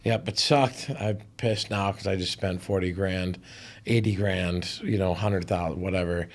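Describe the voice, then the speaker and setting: A man's voice: low voice, steady tone, unhurried. A man hosting a podcast, chatting loosely and rambling, with lots of "you know". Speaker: podcast host. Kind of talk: casual podcast conversation. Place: podcast studio.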